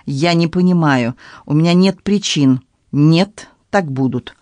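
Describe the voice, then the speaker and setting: A man reading the part of a guilty, shaken businessman in an audiobook, in a halting, pleading way. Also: on the high side, a little mellow, no room sound, natural voice.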